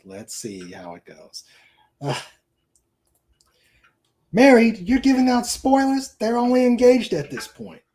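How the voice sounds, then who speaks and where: This host's voice is fairly high and a little mellow. At home, in a room with a couch, he runs a casual live chat, reading viewer comments aloud haltingly and rambling as he repeats himself.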